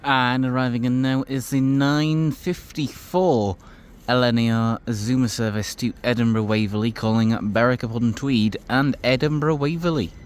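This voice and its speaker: A man's voice: medium pitch, fairly even intonation, moderate pace, clean tone. A man giving brief live commentary on trains from a station platform. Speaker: trainspotting video narrator. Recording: faint station background noise.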